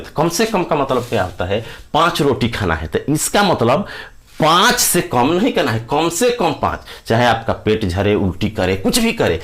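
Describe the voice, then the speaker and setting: A male teacher giving an exam-prep science lesson, repeating key phrases, using everyday examples and addressing his students directly. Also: medium pitch.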